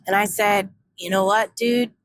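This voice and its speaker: A woman's voice: mid-range voice, steady tone, measured pace, slight background noise, rough recording. A young woman telling a casual vlog story, candid and profane, acting out both sides of a conversation. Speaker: vlogger. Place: in a car on a road trip.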